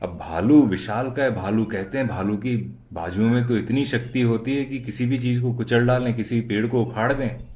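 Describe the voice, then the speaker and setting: A man's voice: medium pitch, normal speed, a little mellow. A man narrating a children's story dramatically, with sound words and idioms.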